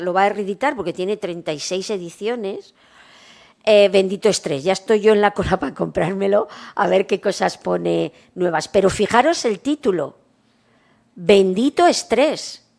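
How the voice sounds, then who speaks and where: A middle-aged woman from Spain, a nurse giving a mindfulness workshop lecture in a calm, unhurried way, often asking the class questions. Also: mid-range voice, gravelly.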